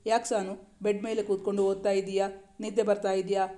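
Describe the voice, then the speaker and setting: A man's voice: high-pitched, level tone, fairly quick, warm tone, close to an everyday voice. A man reading the lines of a tender, teasing young husband in a storybook romance, speaking in affectionate, coaxing questions. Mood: gentle.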